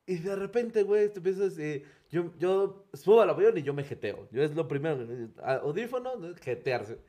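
A man with a Mexican accent and a somewhat high voice spins an anecdote among friends. He is slangy and animated. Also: moderate pace. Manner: animated, slangy, laughs through the story. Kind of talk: casual storytelling among friends.

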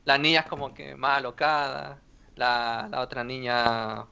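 A man with a gravelly, bright voice joins a casual film review podcast. He talks informally and nods along with short agreements, and his audio sounds dull and lo-fi. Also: medium pitch, flat delivery, unhurried. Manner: brief agreeing interjections, informal. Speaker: podcast co-host.

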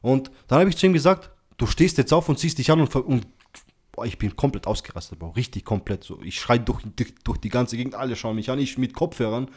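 A man talking in a relaxed, slangy way, padding every phrase with filler and calling his listener bro. His voice sits at an ordinary middle pitch. When he tells a story, he acts out the lines of everyone in it. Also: fast. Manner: tells stories acting out quoted dialogue. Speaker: podcast host. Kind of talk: casual chat.

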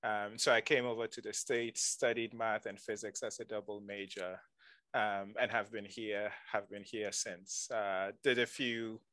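A man's voice: lowish voice, bright, forceful tone, no echo. A man in his forties from Ghana, answering interview questions in a conversational way. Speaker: guest, venture capitalist.

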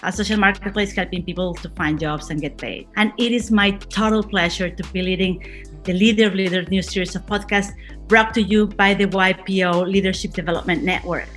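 A woman hosts a podcast interview with an enthusiastic, somewhat scripted delivery. Her pitch sits in a middle range. Faint music plays underneath. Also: fairly even intonation, fairly quick, fairly bright tone. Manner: enthusiastic, scripted-sounding introductions. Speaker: podcast host.

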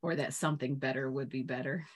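Low-voiced reflective woman, middle-aged. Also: steady tone, fast, slightly rough. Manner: reflective, laughs often, loses her thread. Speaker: podcast co-host. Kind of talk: casual chat.

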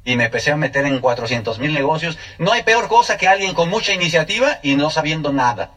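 Brisk, fast-talking Mexican man. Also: fairly high pitch, animated, a bit bright. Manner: brisk, joking, addresses listeners directly. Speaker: guest sharing a testimony. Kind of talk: conversational storytelling to an audience. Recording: voice picked up from a distance.

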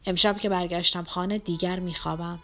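A frail young man in a storybook reading, speaking low and hushed in a rough, near-whisper, as a woman reader plays him. He talks slowly and wearily. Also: steady tone, close to an everyday voice. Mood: weary. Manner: quiet and slow. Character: gravely ill young man, weak, hoarse and ironic. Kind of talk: audiobook character reading.

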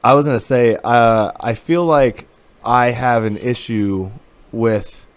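A man's voice: medium pitch, takes it slowly. A hungover man hosting a casual podcast chat, talking in loose, slangy language with some swearing. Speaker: podcast host and comedian.

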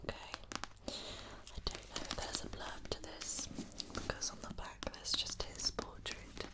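A woman in a whispered role-play as a gentle, helpful librarian, speaking in a soft, unhurried library whisper. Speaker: librarian recommending books to a visitor.

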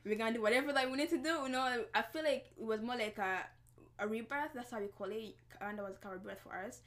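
A woman's voice: fairly high pitch, quick pace, fairly bright tone. A young woman from Congo, a podcast guest, chatting casually, laughing often and saying "like" a lot. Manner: laughing often, heavy use of "like". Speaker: podcast guest, fashion designer. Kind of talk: casual interview chat.

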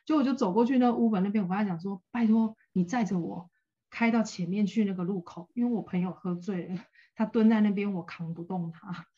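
A woman's voice: medium pitch, fairly quick, muffled recording. Chatty Taiwanese woman telling a long story. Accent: Taiwanese Mandarin. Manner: long animated anecdotes, acts out quoted lines. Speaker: podcast co-host. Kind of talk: casual podcast chat, storytelling.

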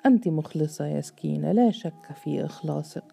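A woman voicing a calm, kindly man who leads his household and speaks in a quiet, gentle, reassuring way. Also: sits low, fairly quick, creaky, husky, heavily acted.

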